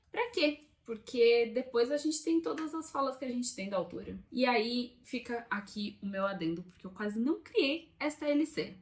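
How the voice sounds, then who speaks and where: A woman's voice: mid-range voice, a bit bright. A young adult woman with a Brazilian Portuguese accent, hosting a casual book vlog in a room by a window and chatting with asides to her viewers. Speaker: book channel host. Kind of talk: casual talking-head vlog.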